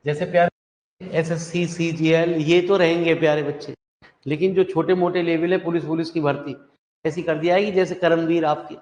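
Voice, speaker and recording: A man's voice: fairly high pitch, a little mellow. A male math teacher, lecturing in a chatty way and calling the students "dear children". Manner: chatty, calls students "dear children", mixes English terms. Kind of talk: classroom lecture. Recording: echoey, dull classroom recording.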